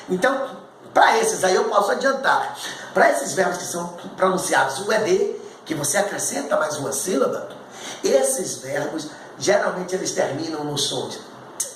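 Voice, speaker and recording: A man's voice: sits high, a bit bright. A man with a Brazilian accent giving a casual English pronunciation lesson, repeating sounds over and over to drill them. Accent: Brazilian Portuguese. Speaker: English teacher. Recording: echoey room with faint noise.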